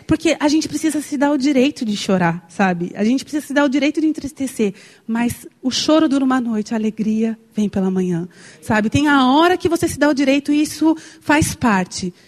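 A woman's voice: high voice, expressive, fairly quick. A young woman from Brazil, preaching a sermon and telling a personal story, heartfelt and full of exclamations. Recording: long hall reverb.

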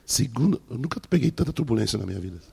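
A man's voice: mid-range voice, expressive, rapid-fire, gravelly, husky. A man, a pastor preaching a sermon and telling personal stories, acting out the dialogue. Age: 60s. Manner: storytelling, acting out dialogue with soft laughs.

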